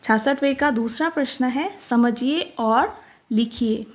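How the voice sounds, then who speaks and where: A woman teacher walks through a workbook at an unhurried pace, slightly high in pitch. She sounds out each word carefully, one at a time. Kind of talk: explaining a workbook.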